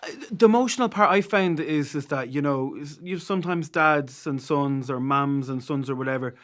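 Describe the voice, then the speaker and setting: A man's voice: on the high side, moderate pace, a bit bright. An Irish man hosting a casual interview, gushing with enthusiasm to his guest.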